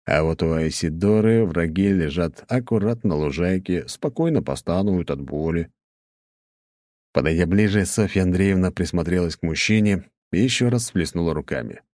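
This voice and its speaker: A man narrating an audiobook in a lively, expressive storytelling manner. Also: low-pitched, moderate pace, dry recording, clean studio sound.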